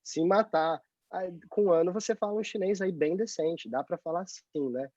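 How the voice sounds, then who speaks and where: Brazilian-accented male guest, fairly high voice, chatty and animated, dry muffled video-call audio. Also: moderate pace, no echo. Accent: Brazilian Portuguese. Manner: chatty, tag questions, animated. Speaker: guest, journalist abroad. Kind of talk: casual interview over video call.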